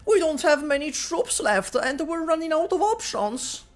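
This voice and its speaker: A woman's voice: very animated, moderate pace, soft background music. A woman playing a teasing, scheming mercenary. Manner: sing-song, taunting, high-pitched.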